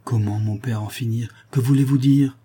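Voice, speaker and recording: A man's voice: medium pitch, fairly even intonation, normal speed, mellow, slightly rough. A man reading an audiobook voices a frightened young aristocrat son who pleads and protests fearfully.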